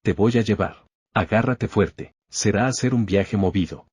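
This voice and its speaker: A man voicing a calm, strong young male fighter in a terse, serious manner. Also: fairly low pitch, unhurried, husky, dry recording.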